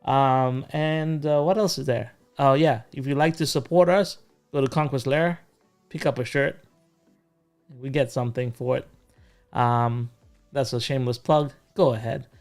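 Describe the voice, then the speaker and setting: A man's voice: medium pitch, fairly even intonation, a little slow, clear, resonant tone, faint music behind. A man hosting a casual livestream chat, rambling with plenty of fillers and restarts. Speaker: host.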